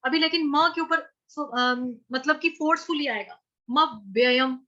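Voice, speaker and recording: A woman with a North Indian accent teaches verse pronunciation in a high, bright voice. She breaks words into syllables, repeats them slowly and chants the lines. The recording sounds dull and lo-fi.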